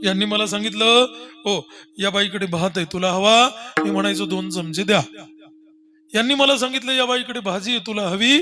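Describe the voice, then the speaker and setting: A man's voice: sits high, moderate pace, bright, forceful tone, soft background music. A man voicing a clever, cheeky young boy who explains his trick earnestly. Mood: explaining.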